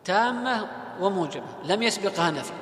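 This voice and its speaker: A man teaching Arabic grammar to a class, quizzing his students and answering himself, reciting verses slowly and loudly. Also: high-pitched, animated. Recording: echoey hall.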